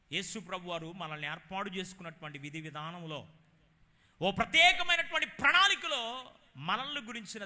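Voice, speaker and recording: A man with a Telugu accent preaching a sermon, swinging between loud exclamations and low, quiet asides. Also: big-room sound. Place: church hall.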